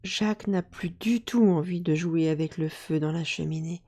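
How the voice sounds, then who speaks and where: A woman narrating a children's story in a lively, expressive way. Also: lowish voice, moderate pace.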